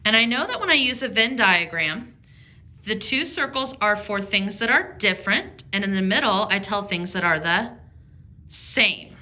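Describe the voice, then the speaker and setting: Reading to young children, this elementary reading teacher explains the text, thinks aloud, and poses guiding questions. She speaks at a normal speed in an expressive, mid-range voice.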